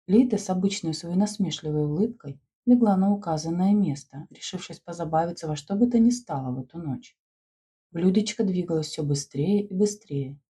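A woman reading a story aloud in expressive storybook narration. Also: on the low side, moderate pace, breathy edge. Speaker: audiobook narrator.

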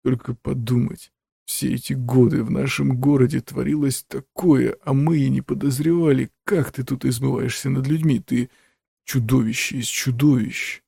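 Male narrator doing a raging, dying old man, slow and loud, rough gravelly voice. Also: medium pitch, steady tone, no echo, studio quality. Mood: furious. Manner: shouting, slow, spitting accusations.

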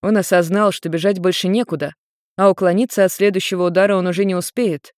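An audiobook narrator reading a fantasy story in an even, measured way. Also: mid-range voice, dry recording, clean studio sound. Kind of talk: scripted narration.

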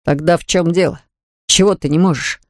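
A woman's voice: on the low side, fairly even intonation, fairly quick, no room sound, clean studio sound, natural voice. A woman voicing an ardent, confident young man who reassures his fiancée earnestly.

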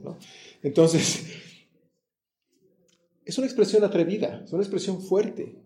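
A man's voice: a little high, mellow, roomy sound. A middle-aged man with a central Mexican accent preaching a sermon, talking conversationally and acting out quoted prayers and dialogue. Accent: central Mexican Spanish.

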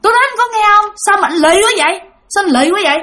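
A woman's voice: expressive, racing, heavily acted. A woman voicing an angry female ghost who scolds a tenant to leave her room. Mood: furious. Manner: shrill scolding, rising to shouts.

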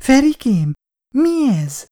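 An actress playing a frightened young woman in a 1960s radio drama, with a high voice that turns shrill. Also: sing-song, mellow. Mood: terrified.

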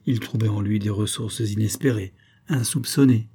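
A man's voice: fairly low pitch, steady tone, normal speed, dark tone, breathy edge. A man giving a scripted audiobook narration with dramatic storytelling.

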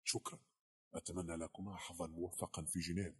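A man voicing a gentle middle-aged professor who speaks quietly in a storybook reading. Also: low-pitched, flat delivery, a little fast, slight background noise, close to an everyday voice.

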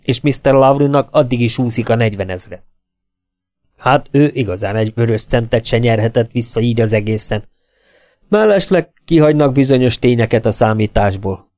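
A man voicing a calm, sly middle-aged detective, measured and needling. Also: mid-range voice, dry recording, clean studio sound, voice pushed up, natural voice.

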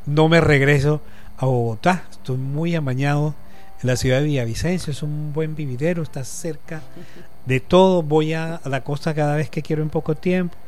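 A man's voice: on the high side, steady tone, darkish tone. Caribbean-Colombian man explaining at length. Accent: Colombian Caribbean coast. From Colombian Caribbean coast. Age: 50s. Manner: reflective, speaks in long explanations with pauses and fillers. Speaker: guest, journalist and lecturer. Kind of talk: casual radio interview talk.

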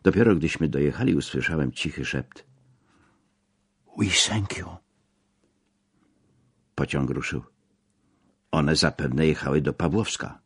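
Low husky male audiobook narrator. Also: normal speed.

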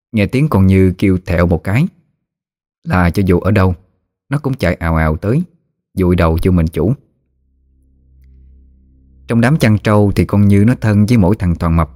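A man telling a ghost story, in a relaxed, folksy way. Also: deep voice, no echo, clean studio sound.

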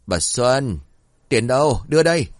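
A man's voice: on the low side, expressive, brisk, dry recording, clean studio sound. A man voicing a drunk, cursing, violent father. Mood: drunk angry. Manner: shouting, cursing, demanding. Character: drunk, violent middle-aged father, crude and bullying.

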